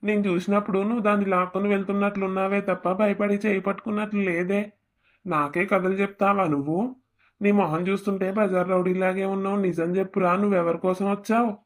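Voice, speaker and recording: A woman voicing a furious rural husband in a cartoon drama, shouting threats and insults. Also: medium pitch, steady tone, quick pace, lightly acted. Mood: enraged.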